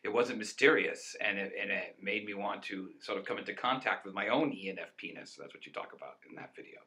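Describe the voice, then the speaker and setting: Young adult male co-host, enthusiastic rambler, very bright tone. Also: lowish voice, brisk. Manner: rambling, enthusiastic, laughs often. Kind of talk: casual chat.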